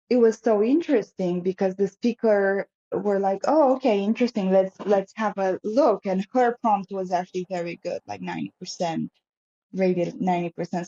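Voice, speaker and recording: A woman's voice: mid-range voice, dark tone, highs cut off. A woman co-hosting a podcast, chatting casually and telling a story from a conference. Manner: chatty, storytelling, says "whilst". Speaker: podcast co-host. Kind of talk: casual chat.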